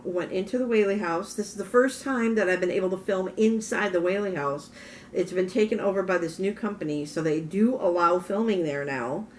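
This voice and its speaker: A woman's voice: medium pitch, a little hiss or hum. A woman from Minnesota vlogging in a casual, rambling way, often correcting herself, with a morning voice. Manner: rambling, self-correcting storyteller. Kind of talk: casual talking-head vlog.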